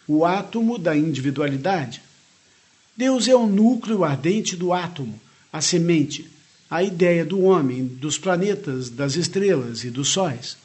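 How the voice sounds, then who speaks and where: A man reading a spiritual lecture aloud in a measured, earnest way, adding short comments of his own as a teacher. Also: fairly high pitch, husky.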